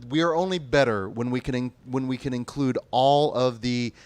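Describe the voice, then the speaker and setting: Earnest mid-pitched man, dry sound. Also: moderate pace, a little mellow, no echo. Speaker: co-host. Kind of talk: casual post-movie discussion.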